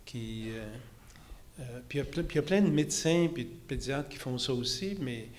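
A man's voice: medium pitch, animated, fairly quick, darkish tone. A man in his sixties, a pediatrician speaking on a conference panel into a handheld mic, rambling and self-deprecating with many hesitations. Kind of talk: panel conversation. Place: conference stage.

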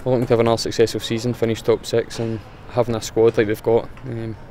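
A young footballer with a Scottish accent talks fast in a warm, medium-pitched voice, delivering everything completely flat. His outdoor post-match interview in front of a sponsor board is plain and matter-of-fact, full of fillers, with a little hiss or hum underneath.

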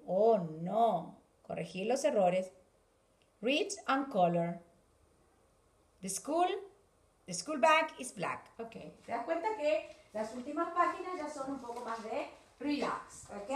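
A woman with a Rioplatense Spanish accent giving a video English class to children, saying English words slowly and with care. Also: on the high side, a bit bright, reverberant. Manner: slow, careful, exaggerated English words for children. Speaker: English teacher.

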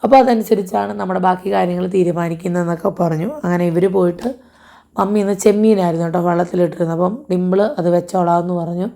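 A young woman with a hoarse voice and a blocked nose, narrating her day in a casual family vlog. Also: lowish voice, dark tone. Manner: chatty, rambling daily-life narration. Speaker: family vlogger.

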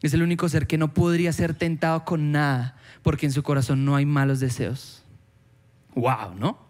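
Animated male preacher voicing quoted lines. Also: moderate pace. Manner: animated, acts out quoted voices with jumps in pitch. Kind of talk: sermon. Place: church.

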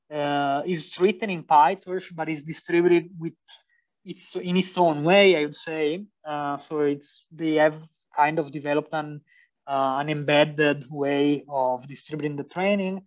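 A young man with an Italian accent, a PhD student giving a university lecture, hesitant with many fillers and restarts. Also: fairly high pitch. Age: young adult. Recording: distant, dull lo-fi sound.

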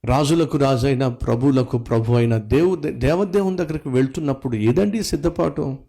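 A man's mid-range voice with a gravelly edge delivers a sermon as a pastor. He fires off rhetorical questions and repeats phrases for emphasis. He stretches key words out slowly with big swings in pitch. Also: mellow. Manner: dramatic preaching with rhetorical questions and repetition; sweeping pitch swings and drawn-out stressed words.

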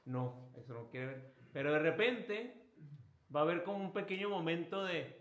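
A priest leads a retreat talk with a fairly high voice, slipping into little acted-out inner voices and laughing at his own jokes. The room gives his voice a noticeable echo. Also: moderate pace. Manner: animated, acts out inner voices, chuckles at himself.

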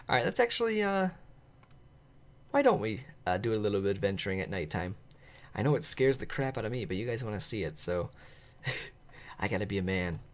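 A man narrating his video game play to viewers in an excitable, chatty way, laughing often and reacting out loud. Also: lowish voice. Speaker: gaming channel host. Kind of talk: let's play commentary.

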